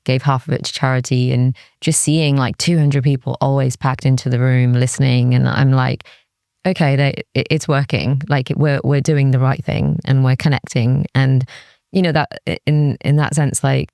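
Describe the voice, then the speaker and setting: A rumbling low, slightly mellow female voice with vocal fry delivers a level tone at normal speed, in studio quality without echo. The speaker, a music industry executive from Cardiff, Wales, is a guest in an interview. Her manner is serious, candid and reflective, sprinkled with "like" and quoted thoughts of her own.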